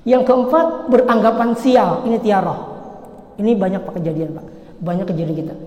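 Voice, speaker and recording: A man gives a casual sermon, addressing the congregation directly and joking with them as he goes. His emphatic points ring out loud, while his asides drop almost to a murmur. The recording is roomy, with a long reverb tail from the hall. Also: sits high, fairly even intonation, normal speed. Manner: chatty, addresses listeners directly and jokes with them; swings between loud emphatic and quiet asides. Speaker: preacher.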